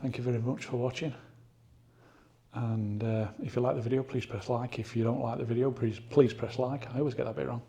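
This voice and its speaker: A man's voice: medium pitch, level tone, fast talker, gravelly, warm tone, husky. A man hosting a ghost-hunting vlog, talking in an easygoing, plain-spoken and joking way. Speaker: paranormal investigator and channel host. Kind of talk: casual chat and vlog sign-off.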